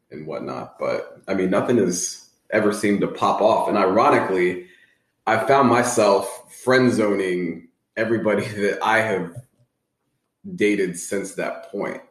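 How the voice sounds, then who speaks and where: A man speaks as a podcast guest in a very low voice. He talks in a measured, thoughtful way and pauses on fillers. The room gives a roomy echo. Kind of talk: casual chat.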